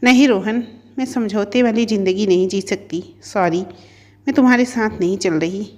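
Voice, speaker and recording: Woman narrator plays proud, stubborn young wife in a storybook; sharp, demanding, average pitch. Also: moderate pace, natural voice. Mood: bitter.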